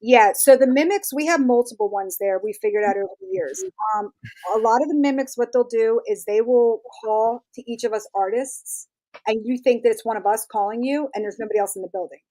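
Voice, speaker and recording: A woman in her forties, a tattoo artist guest, telling stories in a lively, laughing way and acting out what others said. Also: a little high, a little fast. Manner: animated, laughing, acts out quoted voices. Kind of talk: casual storytelling interview.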